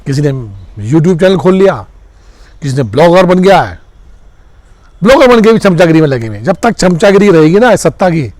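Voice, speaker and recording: A man's voice: high-pitched, very animated, darkish tone, no echo. A man giving impassioned political commentary, firing off rhetorical questions and addressing his listeners as sisters and brothers. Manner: rapid-fire rhetorical questions.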